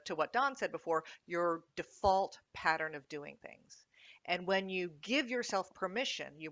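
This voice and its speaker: Energetic woman speaking coach talking on a podcast panel, her voice bright and forceful and leaning low in pitch. She has a dry, close sound with little room to it, and she pushes hard on her points. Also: no echo. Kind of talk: animated panel discussion.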